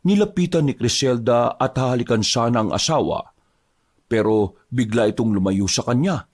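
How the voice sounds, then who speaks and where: A man reading a scripted horror story as its narrator, in a measured storytelling way. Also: medium pitch, fairly even intonation.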